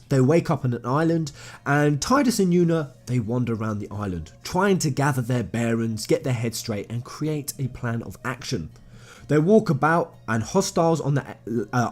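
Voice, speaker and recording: A man with a mid-range, darkish voice narrates a story to viewers as an enthusiastic video game commentator. He talks informally, emphasizing and repeating phrases, with music in the background.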